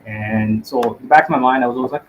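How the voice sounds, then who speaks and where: A man from Canada, a detective inspector and guest, telling his personal story in a reflective, earnest way with frequent pauses. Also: mid-range voice, muffled recording, slight background noise.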